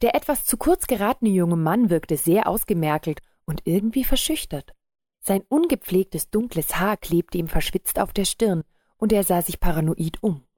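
A woman narrating a story in a calm, measured reading. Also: on the low side, no room sound, clean studio sound. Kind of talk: scripted audiobook narration.

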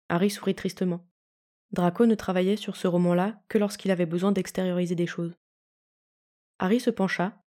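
A woman reading a fanfiction story aloud in calm, even audiobook narration. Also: mid-range voice. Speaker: fanfiction reader.

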